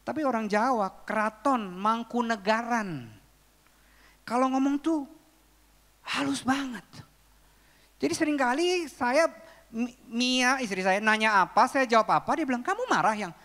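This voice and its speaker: A male pastor with a high, bright voice gives a lively, joking sermon. His words ring with a long reverb off a large hall. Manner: lively, humorous storytelling. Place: church auditorium.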